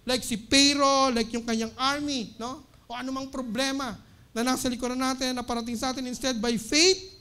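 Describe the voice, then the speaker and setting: Woman preacher, Filipino accent, high voice, Taglish sermon, keeps asking "no?", slow emphatic scripture reading. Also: steady tone, fairly bright tone. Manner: Taglish, frequent tag "no?" after phrases; reads Bible verses slowly and emphatically. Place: church service.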